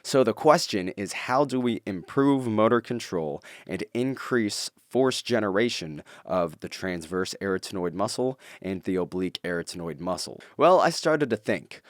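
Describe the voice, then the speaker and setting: A man giving a tutorial on vocal technique, explaining things step by step as a teacher. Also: on the low side.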